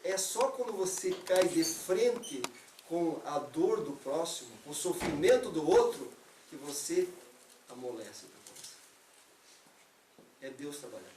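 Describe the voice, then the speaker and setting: A man's voice: fairly high pitch, animated, unhurried, background noise. A man from Brazil giving an earnest, conversational spiritist lecture, acting out everyday excuses as quotes. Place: lecture hall of a spiritist center. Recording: echoey hall, speaker far from mic.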